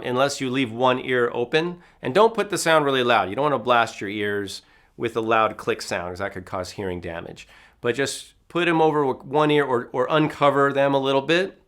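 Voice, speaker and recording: A man's voice: mid-range voice, fairly bright tone. A man teaching a drum lesson in a casual, explanatory way, thinking aloud with fillers. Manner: speaks rhythms aloud in syllables between explanations.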